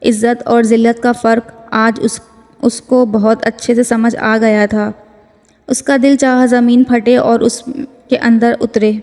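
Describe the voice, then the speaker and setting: A woman narrates a romance novel aloud, reading slowly and with emotion, though her high voice stays flat. Her reading is bathed in long hall reverb.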